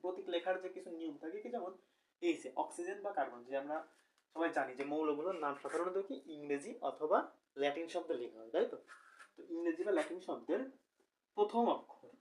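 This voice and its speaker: A man's voice: on the high side, expressive, quick pace, a little mellow, distant mic, a little hiss or hum, poor audio. A young man teaching a recorded chemistry lecture, explaining step by step and asking the class questions, correcting himself as he goes.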